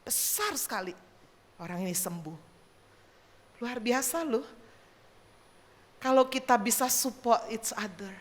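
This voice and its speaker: A woman pastor preaching a sermon in an animated way, acting out the people in her stories, with an Indonesian accent. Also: a little high, measured pace, long pauses. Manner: animated preaching with acted-out dialogue. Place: large church hall.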